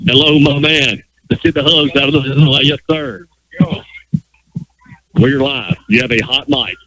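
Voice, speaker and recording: A man announcing a high school football game live on radio, calling the action in a rapid running commentary. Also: fairly even intonation, bright, forceful tone, poor audio. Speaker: play-by-play announcer.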